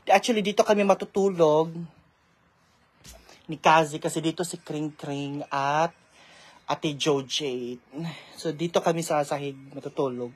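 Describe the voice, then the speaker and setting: A woman vlogging in a casual live-stream chat, chatty, reading out viewer shout-outs and mixing in English. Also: low-pitched, unhurried, pauses often, breathy edge. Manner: code-switches freely with English.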